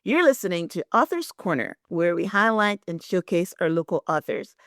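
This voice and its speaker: A woman's voice: fairly low pitch, big pitch swings, moderate pace, fairly bright tone, no room sound, studio quality. A woman from Guyana hosting a podcast interview, chatty and affirming, with many "very nice" replies. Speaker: podcast host. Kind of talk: podcast interview with reading of a synopsis.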